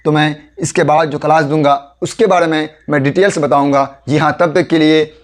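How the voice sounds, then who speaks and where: A man's voice: fairly high pitch, steady tone, fairly quick. A man giving a casual spoken lesson on writing letters, explaining patiently and repeating steps as he draws them. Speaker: handwriting teacher.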